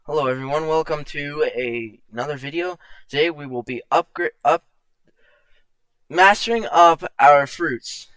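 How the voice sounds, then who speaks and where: A man's voice: on the high side, unhurried, fairly bright tone, smooth, dry recording. A young man hosting a gaming video, chatting casually and playfully into a headset mic at his home setup. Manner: rambling, playful, talks over gameplay. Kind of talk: casual gameplay chat.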